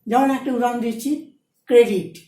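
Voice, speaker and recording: Woman teacher going over shorthand rules, kinda high voice, mellow, echoey room. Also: moderate pace. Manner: repeats key points, switches between Bengali and Hindi. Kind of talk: explaining rules step by step in a lesson.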